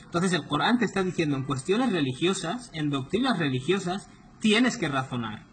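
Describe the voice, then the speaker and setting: A man's voice: fairly high pitch, very animated, moderate pace, a little hiss or hum. A man giving a religious lecture, explaining points patiently and often checking in with his listeners. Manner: didactic, often asks "¿vale?". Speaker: Islamic lecturer. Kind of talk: explanatory talk.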